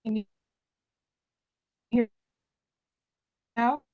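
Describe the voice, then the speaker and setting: A woman's voice: fairly high pitch, fairly even intonation. Woman on a choppy, breaking-up video call. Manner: halting, short apologetic replies. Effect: choppy, breaking-up call connection that keeps cutting out. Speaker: meetup participant. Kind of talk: casual group video call. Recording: muffled, distant video call audio.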